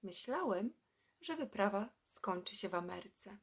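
A young runaway schoolboy from a children's storybook, glum and full of plans, as a woman reads his lines aloud. He speaks in a steady storytelling voice of middle pitch. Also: a little slow, husky, heavily acted. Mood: hopeful.

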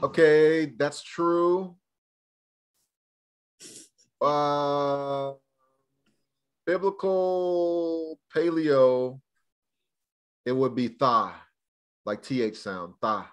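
A man's voice: fairly high pitch, extremely slow, pauses often, clear, resonant tone. A man teaching a live online Hebrew class, speaking casually and drilling students with questions.

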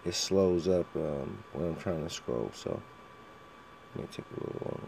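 Clearing his throat again and again, a man gives a casual video walkthrough of a mobile game with a fan running behind him amid background noise. His voice is very deep and a little slow.

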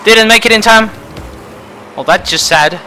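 A man giving frustrated gameplay commentary, swinging between muttering and shouting. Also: sits high, unhurried, soft background music, low-quality recording. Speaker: gaming channel host.

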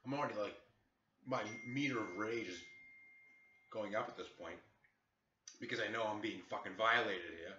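Exasperated male vlogger, cursing rant, bright sharp voice, roomy and muffled. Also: lowish voice, moderate pace, pauses often. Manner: heavy swearing, exasperated. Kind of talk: angry storytelling rant. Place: small apartment. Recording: echoey, distant, dull-sounding room mic.

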